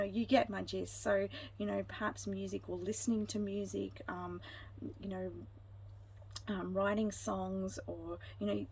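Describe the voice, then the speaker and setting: A tarot card reader gives an intuitive pick-a-card reading for her viewers, sounding gentle and reassuring with a mid-range pitch for a woman. She meanders, with frequent ums and restarts, and the poor audio carries a faint hiss of background noise.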